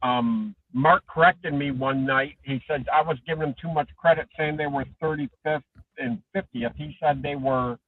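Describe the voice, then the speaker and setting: A man calling in to a sports talk show over a phone headset, his voice muffled as if heard through a wall, talking haltingly with many ums and restarts. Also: fairly high pitch, fairly even intonation. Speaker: caller. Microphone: Bluetooth phone headset. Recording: muffled far-off phone line.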